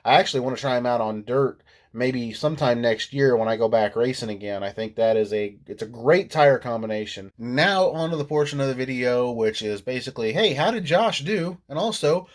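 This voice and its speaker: A man's voice: medium pitch, brisk, few pauses. A man from Illinois recapping a remote-control truck event in a casual vlog, nasal from a cold, chatty, laughing often and poking fun at himself. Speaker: RC monster truck vlogger. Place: indoors at home.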